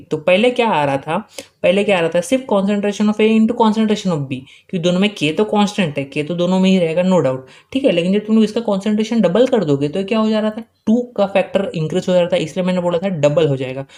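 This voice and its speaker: A man giving an exam-prep chemistry lecture. He keeps asking questions and answering them himself, repeats key points, and slowly dictates important lines for students to note down. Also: high-pitched, warm tone. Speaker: chemistry teacher.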